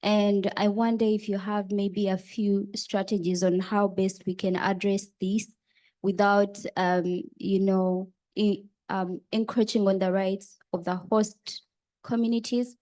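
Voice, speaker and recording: Mellow, even-toned woman asking a question. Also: medium pitch, a little slow. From Uganda. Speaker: audience questioner. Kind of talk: audience question at a conference. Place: large conference hall. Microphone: handheld mic.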